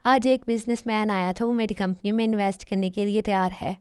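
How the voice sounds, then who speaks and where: A woman's voice: medium pitch, fairly even intonation, brisk, darkish tone, clear, resonant tone, no room sound, clean studio sound, natural voice. A woman voicing a worried middle-aged father and company owner in an amateur dub, talking in an anxious, pleading way. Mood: troubled.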